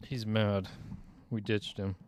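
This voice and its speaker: A man's voice: on the low side, little pitch movement, takes it slowly. Laid-back man chatting on a livestream. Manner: laughs often, talks to his dog in a soft coaxing baby voice. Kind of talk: casual livestream chat.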